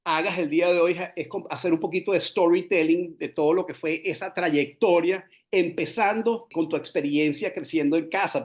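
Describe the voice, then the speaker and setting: Fluent man hosting a business podcast. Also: a little high. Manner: fluent, mixes English business terms into Spanish; frequent "eh" fillers. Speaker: podcast host. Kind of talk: scripted interview introduction.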